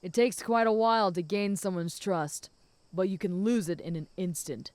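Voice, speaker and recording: A woman voicing a flirty, possessive and protective female werewolf in an intimate audio role-play, speaking teasingly to the listener in a smooth voice. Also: on the low side, moderate pace, no room sound, natural voice. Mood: calm, teasing. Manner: flirty, teasing, with soft chuckles.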